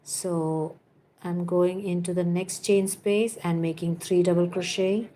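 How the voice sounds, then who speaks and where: Her voice sits fairly low, with a mellow quality, fairly even intonation and a measured pace. As a livestream host teaching crochet live, she counts stitches aloud, explains each step patiently, and chats with viewers along the way.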